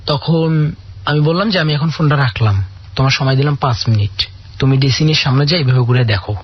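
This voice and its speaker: On a dull, lo-fi radio line, a caller with a husky mid-range voice talks a little fast. He earnestly recounts a lengthy personal story, quoting much of the dialogue along the way.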